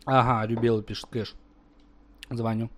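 A man's voice: medium pitch, little pitch movement, moderate pace, a little hiss or hum. A man prank-calling a debt collector, mocking him and swearing in a heated argument. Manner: mocking, crude, swearing constantly.

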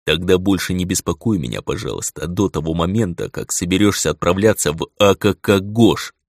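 A man's voice: low voice, lively intonation, brisk, no room sound, clean studio sound. A man voicing a surly ancient wolf god. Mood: cold. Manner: brusque, growling reproach.

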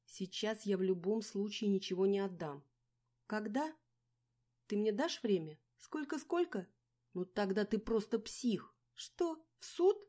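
A woman reading an audiobook, voicing a shrill, irritable young woman in debt who argues sharply. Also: dark tone. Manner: snappy, exasperated arguing. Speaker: character in an audiobook.

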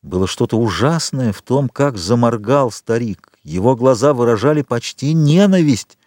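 A man narrates a classic novel with an expressive, theatrical delivery. His pitch moves with lively animation. The recording is dry and close, with no room sound. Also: normal speed, dry recording. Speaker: audiobook narrator. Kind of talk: scripted narration.

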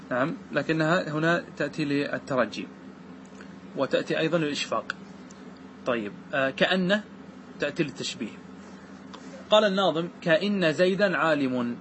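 A man teaching a grammar lesson, often asking his students questions and answering them himself, and reciting examples slowly. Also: on the high side, noisy background.

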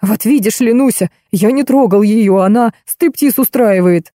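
A woman's voice: medium pitch, moderate pace, dark tone, no echo, studio quality, lightly acted. Woman doing a stammering cowardly man. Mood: flustered whiny. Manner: stammering, whiny excuses. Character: flustered stammering middle-aged man, cowardly.

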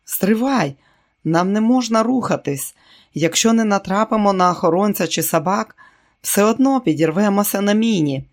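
A man's voice: high-pitched, moderate pace, lightly acted. A male audiobook reader voicing a worried young man who protests against a risky escape.

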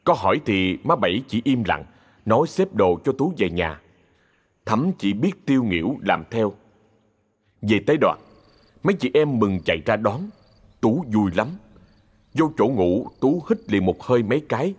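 A man with a Southern Vietnamese accent narrating a ghost story in a lively, expressive way. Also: on the low side, moderate pace, long pauses, breathy edge.

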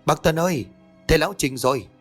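A man's voice: on the high side, expressive, brisk, fairly bright tone, soft background music, pitched above the performer's own voice. Man voicing a jittery young village lad. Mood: anxious. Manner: anxious, questioning.

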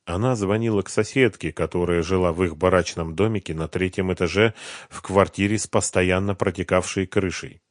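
A man narrating an audiobook in an even, measured reading. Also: sits low, no echo, studio quality. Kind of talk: scripted narration of a thriller novel.

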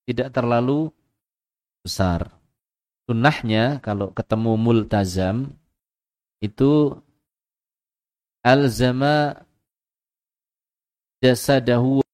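A male preacher tells a story to a mosque gathering. He pauses and repeats words as he goes, then pitches his voice up to act out the people in the tale. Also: darkish tone. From Indonesia. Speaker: ustadz giving a weekly mosque study. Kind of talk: sermon storytelling.

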